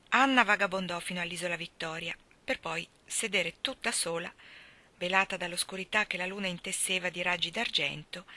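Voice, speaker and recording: A woman reading a novel aloud, softly and sometimes almost whispering. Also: lowish voice. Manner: soft, hushed at times. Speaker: audiobook reader. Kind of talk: literary narration.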